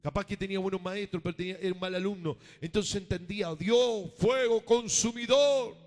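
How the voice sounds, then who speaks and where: A man, a pastor preaching a sermon with emphasis, calling for amens and swinging between loud and hushed delivery. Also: high-pitched, level tone, fast. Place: church sanctuary. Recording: reverberant church hall.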